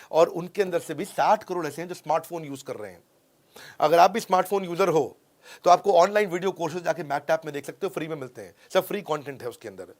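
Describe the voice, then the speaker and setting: Emphatic Hindi-speaking male lecturer, higher-pitched. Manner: emphatic, repeats points, acts out film dialogues in a lowered voice. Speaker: motivational speaker teaching English learning tips. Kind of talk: energetic Hindi lecture with English phrases.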